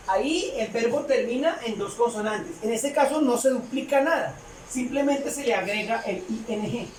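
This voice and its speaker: A woman explaining a grammar rule to a class, halting often with fillers and repeating her phrases. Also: medium pitch. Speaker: English teacher. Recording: echoey room, distant mic, faint noise.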